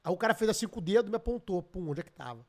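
A Brazilian man with a Brazilian Portuguese accent, a podcast guest telling animated stories, swearing and laughing freely. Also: high voice, rapid-fire. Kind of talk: casual storytelling chat.

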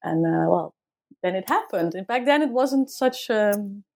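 A woman in her late thirties with a gravelly, creaky voice. She is from the Netherlands and is a native Dutch speaker talking in English. She answers interview questions thoughtfully, hesitating often with fillers and laughing easily. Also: medium pitch, lively intonation, unhurried, a little mellow. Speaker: anthropologist, guest.

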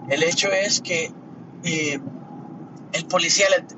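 Man, fairly high voice, rambling and earnest, distant muffled mic outdoors, loud traffic behind. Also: a little slow. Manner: rambling, repeats words, earnest and indignant. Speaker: commentator sharing opinions. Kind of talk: casual monologue.

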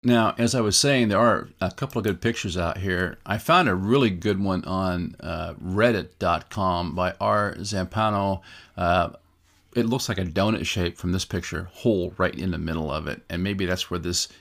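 A man's voice: deep voice, normal speed, creaky, fairly bright tone. A man hosting a show, giving casual, musing commentary and reading out articles in a conversational way. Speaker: host of a UFO news show.

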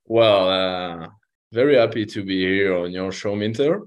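Male podcast guest, French Basque accent, low-pitched and unhurried, feeling his way through casual interview answers. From French Basque Country. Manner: hesitant, searching for words.

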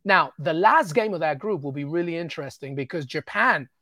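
A man analyses soccer as an interview guest, talking fluently and eagerly but stumbling over repeated words. His voice sits a touch high for a man. The recording is dry and close, with no room sound. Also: expressive, a little fast, bright, forceful tone, no room sound. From England. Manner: fluent and enthusiastic, with frequent stammered repeats.

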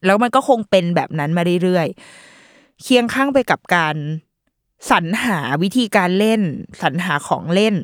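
A woman hosting a parenting podcast in a chatty, playful way, full of fillers and quick asides. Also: medium pitch, lively intonation, no room sound, clean studio sound. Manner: chatty and playful, with lots of fillers and mock quoted voices. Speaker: podcast host. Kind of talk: casual parenting chat.

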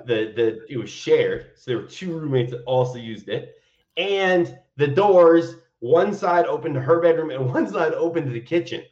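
A man's voice: fairly high pitch, lively intonation, normal speed, darkish tone, reverberant, lo-fi sound. A man hosting a show with casual, comedic frat-bro banter. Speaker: show host.

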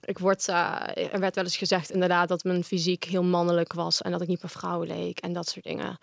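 Woman, interview guest, flat even delivery, dry close sound, frank. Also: fairly low pitch, fairly quick, creaky, no room sound. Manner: frank, talks at length. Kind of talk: casual interview talk.

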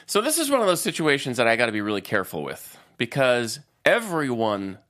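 A young adult man co-hosting a casual movie review chat, telling stories in an animated way with quick asides and giggles. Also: medium pitch. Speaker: podcast co-host.

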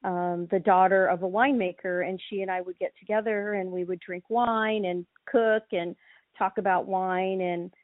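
A middle-aged woman from Hawaii, a winemaker chatting casually in an interview, relaxed with many ums and restarts. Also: medium pitch, moderate pace, no room sound. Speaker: winemaker guest. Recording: thin phone-like line, dry.

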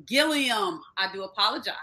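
A woman's voice: medium pitch, lively intonation, normal speed, sharp tone. A woman hosting an interview show, upbeat and friendly in her questions. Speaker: host. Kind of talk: interview host.

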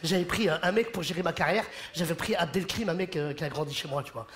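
A stand-up comedian, a man, performs an animated, joking routine on a theater stage and puts on voices for the people in his stories. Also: a little high, quick pace. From Morocco. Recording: live show in a hall, audience laughter. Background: audience laughing and cheering.

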